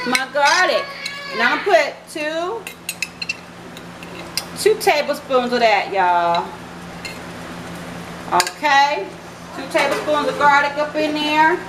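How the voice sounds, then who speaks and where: A high-voiced woman talks her viewers through a recipe in her home kitchen, calling them "y'all" and "baby." She takes her time, and the kitchen sounds roomy and echoey with steady noise behind her. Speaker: cooking channel host. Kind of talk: casual cooking vlog narration.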